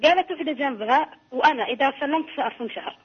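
A woman's voice: high-pitched, racing. A woman calling in over the phone to ask a question, hesitant and repeating herself. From Saudi Arabia. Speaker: caller. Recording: muffled phone line.

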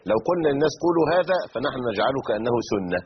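A man's voice: medium pitch, big pitch swings, very fast, a loud crowd. An Egyptian man speaking as a sheikh hosting a live religious call-in show and answering callers. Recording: muffled broadcast audio with background hiss.

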